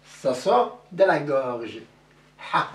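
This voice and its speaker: A man's voice: a little high, sing-song, very slow, slight background noise. A man gives a classroom-style lesson at a crawling pace, drawing out every sound and repeating it several times. He sounds a little distant from the mic, and the room around him is echoey. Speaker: Arabic teacher.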